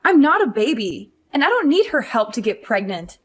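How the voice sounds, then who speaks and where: A young career wife, voiced by a woman, pushes back in exasperation in an animated story. Her voice sits a bit high, pleading and indignant. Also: normal speed. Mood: exasperated.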